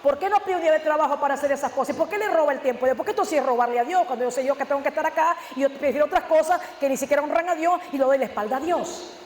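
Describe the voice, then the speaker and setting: A male pastor preaches fervently, firing rhetorical questions and sudden loud emphasis. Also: very high-pitched, rapid-fire, slight background noise. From Nicaragua. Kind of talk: sermon. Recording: echoey church hall with long reverb.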